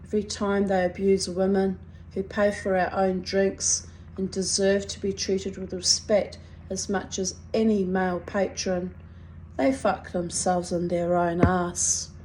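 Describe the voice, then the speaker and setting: A middle-aged woman with a strong New Zealand accent reads her own personal writing aloud in a wry, deliberate, dramatic way. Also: mid-range voice, level tone, a little mellow, a little hiss or hum, low-quality recording. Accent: strong New Zealand (Kiwi). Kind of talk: expressive reading of personal confessional prose.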